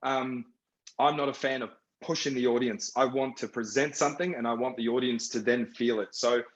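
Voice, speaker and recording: A man's voice: mid-range voice, steady tone, moderate pace. Man, film director, panel talk, echoey room, muffled sound. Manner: reflective, repeats and restarts phrases. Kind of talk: panel discussion over video call.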